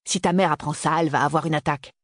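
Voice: medium pitch, fairly even intonation, racing, fairly bright tone, dry recording, studio quality, close to an everyday voice. A reader voicing a stern, graying middle-aged father in an audiobook, speaking in a clipped, commanding way. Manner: clipped, peremptory delivery. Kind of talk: audiobook character reading.

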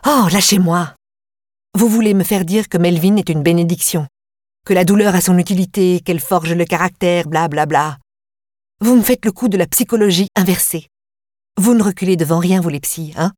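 A woman's voice: fairly low pitch, moderate pace, darkish tone, no echo, studio quality, close to an everyday voice. Woman reading a blunt, exasperated investigator. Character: irritable female investigator in pain, blunt. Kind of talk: audiobook reading.

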